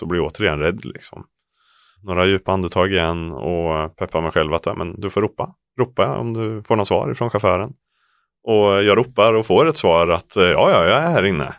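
A man's voice: low-pitched, fairly bright tone, no echo, studio quality. A man from Sweden who owns a trucking company, earnestly recounting a frightening event step by step as a podcast guest. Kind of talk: personal account in a podcast interview.

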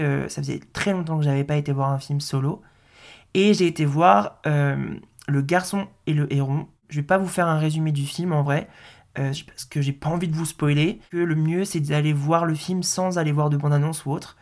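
A woman's voice: low-pitched, darkish tone. A woman in her twenties hosting her own audio note, talking casually and chattily with many fillers. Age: 20s. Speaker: podcast host.

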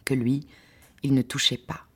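Husky wry woman telling a story. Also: rumbling low, a little slow. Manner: wry, sarcastic, lively. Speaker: narrator. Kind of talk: first-person storytelling.

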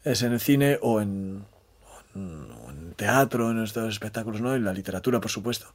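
A man's voice: lowish voice, normal speed. A man speaking reflectively as an interview guest, often repeating phrases and adding short tag questions. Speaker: interview guest, maths communicator and storyteller.

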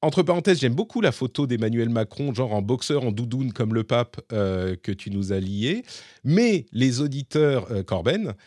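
A man's voice: medium pitch, expressive, moderate pace, a little mellow, no room sound, clean studio sound. A man with a slightly hybrid French accent co-hosting a casual tech podcast, explaining with many fillers and restarts. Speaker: podcast co-host.

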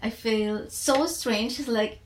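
Reflecting casually on a podcast, a Colombian-accented poet and teacher who grew up speaking Spanish pauses often to find the right words in her second language. Her voice is fairly high, with slight background noise.

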